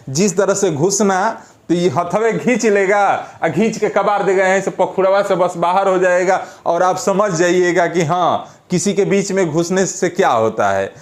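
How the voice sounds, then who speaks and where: A man with a high voice and a Bihari accent presents online news with informal, opinionated commentary. He's colloquial and scolding, repeating phrases for emphasis.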